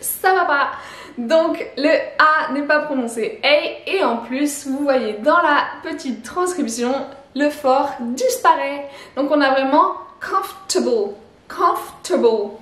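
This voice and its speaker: A woman teaching a pronunciation lesson, explaining slowly and repeating each word with a soft laugh now and then. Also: high voice. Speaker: language teacher. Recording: roomy echo.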